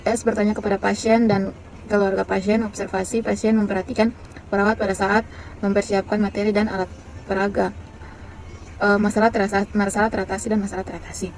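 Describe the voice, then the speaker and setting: A woman reading a nursing care plan aloud, halting often with fillers and restarts, in a flat, list-like way. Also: medium pitch, slight background noise, rough recording.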